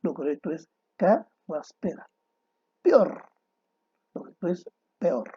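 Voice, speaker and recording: A man teaching a grammar lesson to students, deliberate and didactic, posing rhetorical questions and then answering them. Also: fairly high pitch, mellow, slightly rough, dull audio.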